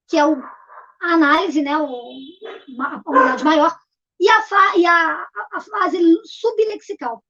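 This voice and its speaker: A middle-aged woman teaching literacy in a video lesson, her voice sitting high and light. She explains patiently and goes back over each key term. The recording sounds dull and lo-fi. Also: fairly bright tone. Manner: patient, repeats key terms to explain step by step.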